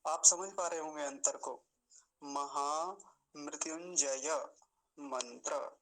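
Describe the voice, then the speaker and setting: A man teaching the pronunciation of a chant. He slows down to spell out each syllable, repeats words to correct them, and coughs now and then. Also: fairly high pitch, vocal fry, a bit bright, slight background noise, low-quality recording. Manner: slow, drawn-out syllable-by-syllable demonstration of words. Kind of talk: explanatory lesson.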